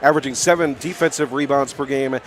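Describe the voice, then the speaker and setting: Quick and steady, a medium-pitched American voice calls out basketball numbers with emphasis during a radio pregame show. The speaker is a play-by-play host.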